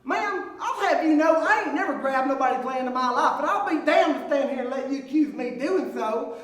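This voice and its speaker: A man's voice: extremely high pitch, lively intonation, brisk, fairly bright tone. A man acting a blustering Southern suitor, far off and echoey. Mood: indignant. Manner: blustering, folksy, argumentative. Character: indignant, stubborn male suitor, a hypochondriac landowner. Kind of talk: comic stage play acting. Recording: echoey stage performance recorded from far off.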